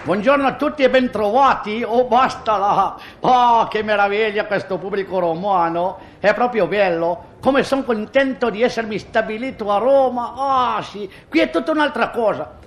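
Comic monologist, high voice, self-mocking patter. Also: male voice, normal speed, hardly any pauses, some chatter behind. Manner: chatty, self-mocking, exclamatory asides.

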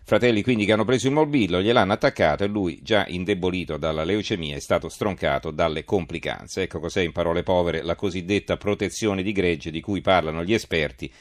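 A man's voice: low voice, a little fast, few pauses, no room sound, clean studio sound. A man hosting a live radio press review, reading out headlines and commenting on them. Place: radio studio.

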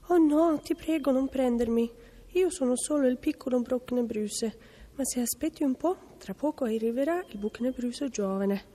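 A woman's voice: on the high side, normal speed, mellow, husky, pitched above the performer's own voice. A woman voicing a small, timid young billy goat with a trembling little voice. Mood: pleading. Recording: long hall reverb.

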